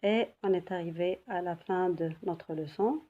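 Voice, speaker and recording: Slow, patient woman teaching Arabic letters. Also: lowish voice, phone-quality sound. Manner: patient, repeats words slowly and clearly.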